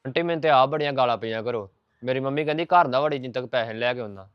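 Young man, rapid and crisp, pleading neighbor in village drama, dry dull sound. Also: medium pitch, dry recording. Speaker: young neighbor asking for money.

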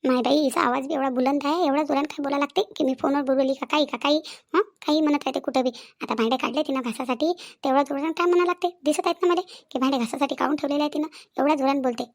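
A proud, sharp-tongued older village woman, as a woman puts her on for a cartoon. She speaks in a high, quick patter. She scolds and boasts without pausing. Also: fairly even intonation. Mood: grumbling. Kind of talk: cartoon voice acting.

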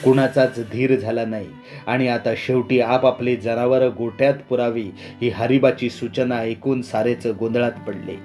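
A man's voice: mid-range voice, fairly even intonation, darkish tone, soft background music. Man reading a story aloud. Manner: measured, dramatic storytelling. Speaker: narrator.

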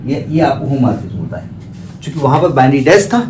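A man's voice: mid-range voice, very animated, fast talker. A man lecturing a math class, explaining step by step, repeating terms and asking the students questions. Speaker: math teacher. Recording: echoey room from far off, faint noise.

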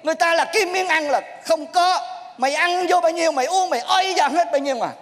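A man with a Southern Vietnamese accent plays an exasperated troupe master, scolding and shouting in a live stage comedy sketch. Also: extremely high pitch, fast, in a large hall. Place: theater stage.

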